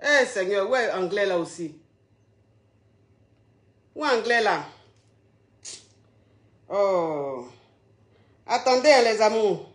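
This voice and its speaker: A woman's voice: mid-range voice, animated, takes it slowly, pauses often, reverberant. A woman hosting a casual live stream, chatting to her viewers and repeating her questions to them. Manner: chatty, keeps asking viewers the same question.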